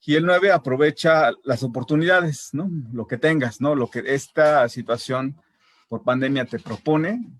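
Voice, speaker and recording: A man's voice: mid-range voice, measured pace, dry recording. A man speaking as a parent on a casual discussion panel, talking hesitantly with many fillers and tag questions as he works through numbered points. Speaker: parent guest.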